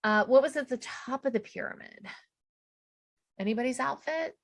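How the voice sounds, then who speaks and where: A middle-aged woman co-hosting a podcast, chatting casually and acting out quotes with quick reactions. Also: sits high, vocal fry. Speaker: podcast co-host. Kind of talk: casual chat recapping a reality show.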